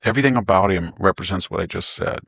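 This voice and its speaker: A man's voice: low-pitched, fast, a bit bright, dry recording. A man giving sarcastic political commentary in conversation, scornful and mocking as he mimics opponents.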